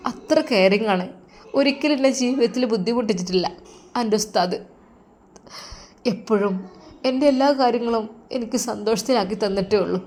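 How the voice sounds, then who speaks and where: A woman voicing a grieving middle-aged wife of a sick teacher, speaking softly and tearfully. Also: a little high, fairly even intonation, racing, few pauses, slight background noise, natural voice. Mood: tearful pleading. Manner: soft, tearful, pleading.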